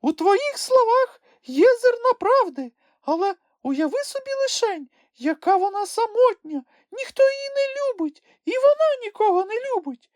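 A woman voicing a small, excitable, whiny male creature who is quick to tears, in a shrill, quavering voice. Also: dry recording, studio quality. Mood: sentimental. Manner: emotional, sulky, quick to tears.

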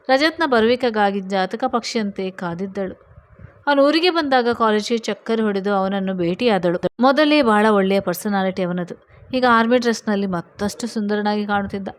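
A woman narrating a scripted love story at an even, steady reading pace. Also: medium pitch, poor audio.

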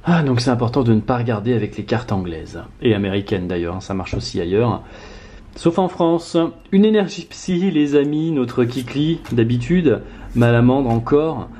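A man vlogging at home as he opens trading card packs, talking casually and swinging between low mutters and loud excited outbursts. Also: moderate pace, a little hiss or hum. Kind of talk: casual card-opening vlog. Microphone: camera mic on tripod.

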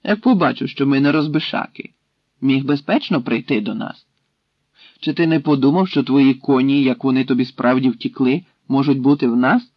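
A man's voice: mid-range voice, moderate pace, no echo, natural voice. A man voicing a stern Cossack leader who questions and threatens a captive in a commanding way, in a dry, slightly dull recording.

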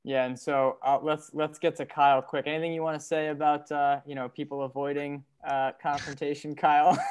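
A man's voice: a little high, flat delivery, normal speed, smooth. Young man hosting a sports recap. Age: young adult. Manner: upbeat, steering the talk between guests. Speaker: host. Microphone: earbud headset on video call.

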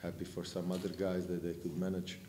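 This middle-aged visiting basketball coach speaks in a really deep monotone at a fairly quick clip, bluntly addressing the turnovers in his post-game press answers. Frustrated, he keeps correcting himself mid-thought. Recorded on a table mic in a press room with a sponsor backdrop, the audio is echoey and noisy.

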